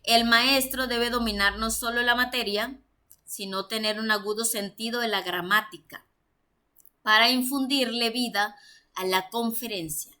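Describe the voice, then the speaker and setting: Bright-voiced Colombian woman teaching. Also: a little high, steady tone, unhurried. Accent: Colombian Spanish. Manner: reads points then explains them with fillers. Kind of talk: church teacher's lecture.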